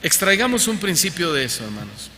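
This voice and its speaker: Bright, high-voiced Mexican preacher in a hall. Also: male voice, sing-song, fairly quick. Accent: Mexican Spanish. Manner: preaching, questioning the congregation, mocking voices when quoting. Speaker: pastor. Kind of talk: sermon. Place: church hall. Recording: church hall reverb, faint background noise.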